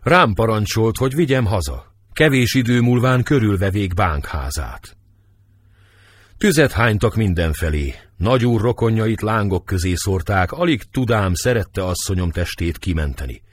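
Male reader as humble old servant, deep dry voice, halting telling. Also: expressive, husky, no echo. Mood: grim.

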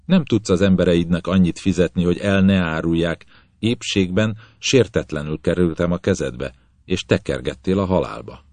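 A man narrating an audiobook in the first person with a calm, deliberate delivery. His voice is very deep and sounds close and dry, with no room echo. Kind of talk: first-person novel reading.

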